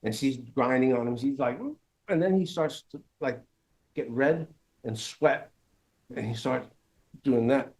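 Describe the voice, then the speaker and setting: A man telling a crude story on stage, profane and animated, laughing as he goes. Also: mid-range voice, a little slow, pauses often, poor audio. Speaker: live storyteller. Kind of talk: live storytelling.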